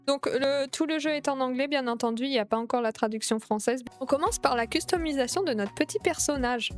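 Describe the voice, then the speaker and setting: A young woman streamer chatting excitedly while playing a game, gushing over everything she sees. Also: sits high, a little fast, faint music behind. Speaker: Twitch streamer. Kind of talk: casual gameplay streaming.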